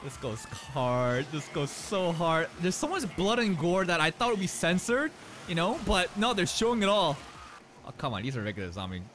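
Excitable young man reacting to anime. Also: normal speed, background noise. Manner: excitable, slangy, swings between loud outbursts and low muttered asides. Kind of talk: casual reaction commentary. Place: small bright indoor room. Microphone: large studio mic on a boom arm.

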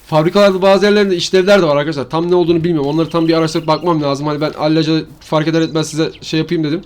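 A man's voice: a little high, fairly even intonation, rapid-fire. A man giving rambling, slangy commentary while showing a farming game map to his viewers. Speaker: gaming channel host. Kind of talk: casual gameplay commentary.

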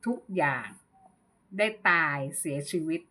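A woman narrating a ghost story as host, in a measured, unhurried reading. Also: a bit bright.

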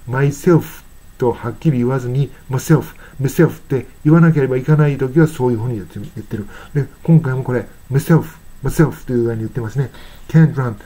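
Mellow-voiced man explaining lyrics. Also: mid-range voice. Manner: unhurried, halting with frequent fillers; reads English lines slowly and carefully. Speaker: English teacher.

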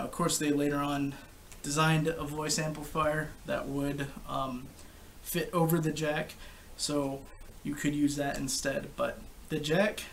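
A young man giving a casual, informal product review to camera, explaining things in a halting way. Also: fairly high pitch, creaky. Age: young adult. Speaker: gas mask collector and reviewer. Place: living room couch, indoors. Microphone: camera a short distance away. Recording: distant camera mic with background noise.

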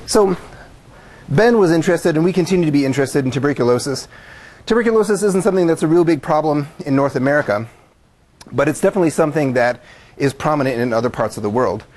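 A man's voice: medium pitch, a little mellow. A man, a university professor, giving a methodical lecture to a class and laying out his points step by step.

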